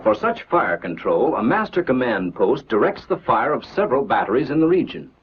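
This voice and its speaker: On an old film soundtrack, a man narrates a scripted 1940s military training film, measured, instructional and declarative. His mid-range voice is husky and very animated, and the sound is lo-fi.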